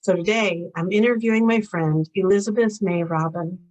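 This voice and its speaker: A woman hosting a podcast, reading a measured scripted intro and then interviewing a guest. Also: mid-range voice, a little mellow, low-quality recording. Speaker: podcast host.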